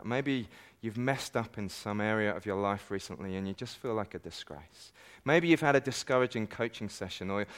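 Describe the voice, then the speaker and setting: A man preaching a sermon at a conference, earnest and emphatic, with light self-deprecating asides. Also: on the low side. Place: conference meeting hall.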